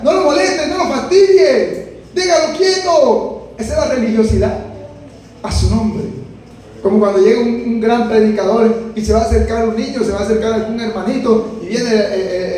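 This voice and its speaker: Male preacher, lively sermon delivery, heard from afar with faint hiss. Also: high-pitched. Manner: preaching with dramatic quoted voices and sudden shouts. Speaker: pastor. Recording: echoey room, distant mic, faint noise.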